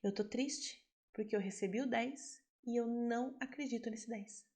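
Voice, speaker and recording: A woman teaching a self-development class. She tells a personal story, turns emphatic and then quiet, and asks the class questions. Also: fairly high pitch, moderate pace. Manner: animated, emphatic, swings between loud and soft; talks straight to the class, asking them questions.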